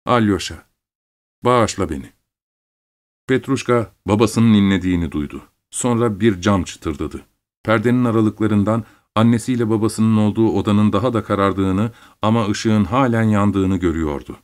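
A man narrating an audiobook in a calm, measured way. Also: on the low side. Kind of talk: scripted narration.

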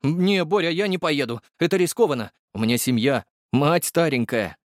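A man voicing a jittery, cautious young male driver who haggles excitedly. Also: on the high side, moderate pace, dry recording, studio quality, voice pushed up, natural voice. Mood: agitated.

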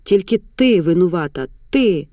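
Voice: medium pitch, lively intonation, very slow, warm tone, no room sound, clean studio sound, far from the mic. A reader voicing a hysterical middle-aged mother in an audiobook who screeches accusations at her family. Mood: accusing.

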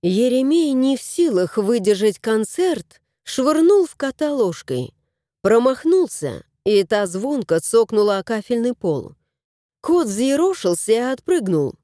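A woman reading a storybook aloud in a slow, expressive way. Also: a little high, no echo, clean studio sound. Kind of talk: scripted storybook narration.

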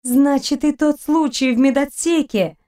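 A furious young captive woman, voiced by the reader, pitched a little high. She fires back indignantly and sharply. It is a storybook reading. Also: unhurried, mellow.

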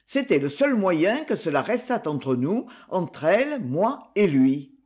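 A man voicing a slight, calm husband who tells a grim story in a light, coolly ironic tone, read as an audiobook. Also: high-pitched, slow pace, full character voice. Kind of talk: audiobook reading.

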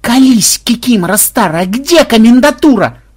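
A man voicing a hotheaded young male fighter who yells in a strained high voice. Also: lively intonation, slow, slightly rough, heavily acted. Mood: yelling. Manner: yelling, high-pitched.

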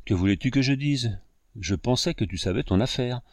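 A man's voice: medium pitch, moderate pace, a little mellow, no room sound, studio quality, close to an everyday voice. A man voicing a blunt male frontiersman who answers in a defensive way.

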